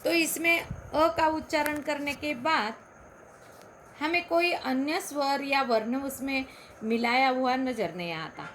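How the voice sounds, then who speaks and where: A woman teacher with a Marathi accent, a native Marathi speaker, recites and explains in a high voice. She speaks slowly and carefully, shaping each sound. A faint background noise runs under the recording. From Maharashtra, India. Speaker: school Hindi teacher. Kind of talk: recorded lesson.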